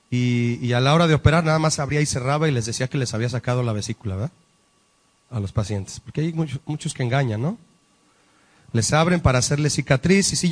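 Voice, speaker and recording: A man preaching a Bible-study sermon, emphatic and asking the congregation rhetorical questions. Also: mid-range voice. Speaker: pastor. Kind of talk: sermon teaching.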